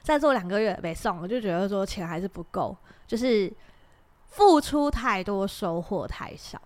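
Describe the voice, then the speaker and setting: A woman's voice: mid-range voice, normal speed, no echo. A young woman with a Taiwanese Mandarin accent, telling a workplace story on a podcast and acting out the people in it. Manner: animated storyteller, acts out quoted bosses, laughs often. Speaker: podcast co-host. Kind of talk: casual chat, storytelling.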